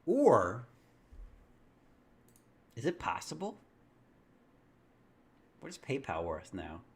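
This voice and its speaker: Lively-pitched man thinking out loud. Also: slow pace. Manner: rambling, thinks aloud, self-correcting; laughs often. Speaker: live stream host. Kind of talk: casual live market commentary.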